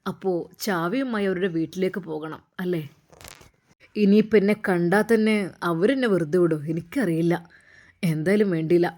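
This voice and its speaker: A woman voicing Muthu, an earnest young man with a Malabar Malayalam accent who talks in a subdued, lowered voice. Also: moderate pace, long pauses, a little mellow, close to an everyday voice. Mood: uneasy.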